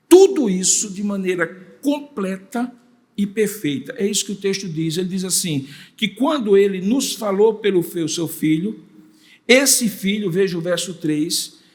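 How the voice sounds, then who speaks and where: An older man preaching a sermon as pastor, emphatic and full of rhetorical questions and repeated phrases. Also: high-pitched. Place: church sanctuary. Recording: long church reverb.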